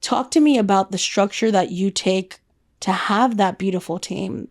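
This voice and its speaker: A woman's voice: mid-range voice, moderate pace, darkish tone. Chatty woman hosting a podcast. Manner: chatty, affirming, asks open questions. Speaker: podcast host. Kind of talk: casual interview conversation.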